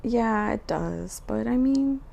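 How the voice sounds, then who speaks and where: A woman's voice: on the high side, lively intonation, creaky, mellow. A woman in her twenties co-hosting a podcast, chatting casually and chiming in agreeably. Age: 20s. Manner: friendly, agreeable, quick supportive interjections. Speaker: podcast co-host. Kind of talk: casual chat.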